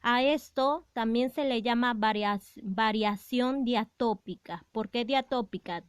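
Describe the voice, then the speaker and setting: A woman from Peru, teaching a school lesson in a slow, explanatory way that stresses key words. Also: a little high, clear, resonant tone, no room sound, clean studio sound. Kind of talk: classroom lesson.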